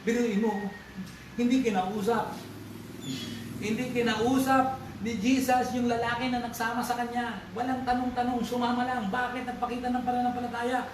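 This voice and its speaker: A man preaching a sermon as pastor, mixing Tagalog with English, swinging between loud emphatic bursts and low asides. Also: flat delivery, moderate pace, noisy background. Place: church hall. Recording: echoey church livestream, distant mic.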